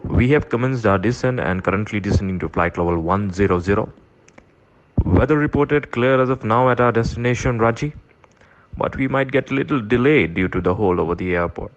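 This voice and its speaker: Actor voicing a steady airline captain, low-pitched, formal cabin announcement, radio drama. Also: male voice, a little fast, highs cut off, close to an everyday voice. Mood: calm. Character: calm adult male airline captain. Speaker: pilot in a reenactment.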